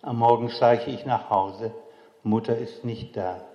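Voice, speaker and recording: A man's voice: mid-range voice, steady tone, measured pace. An older man tells a childhood memory in a solemn, reflective way. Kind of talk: memoir storytelling. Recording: dull, echoey hall recording.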